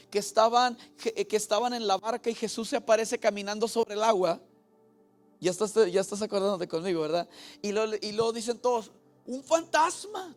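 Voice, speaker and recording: Gravelly bilingual Mexican pastor preaching. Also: male voice, high-pitched. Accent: Mexican Spanish. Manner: switches between Spanish and English, repeating each point; asks the congregation questions and has them repeat. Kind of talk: bilingual sermon.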